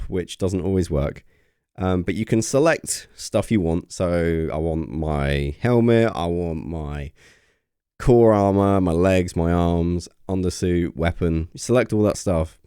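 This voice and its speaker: Recorded dry and at studio quality, this man's fairly low, darkish, clean voice carries casual vlog commentary on his gaming channel. Talking about a game update, he's enthusiastic and rambling, filler-heavy, and sounding slightly worn.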